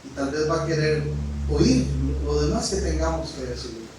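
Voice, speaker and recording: A man with a high, ringing voice preaches a sermon to his congregation, speaking frankly and directly. He swings between loud exclamations and near whispers. The sound is very echoey and comes from a distance in a church hall, with a faint hiss underneath. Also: animated, normal speed. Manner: preaching with rising exclamations and sudden drops to a hush. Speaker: pastor.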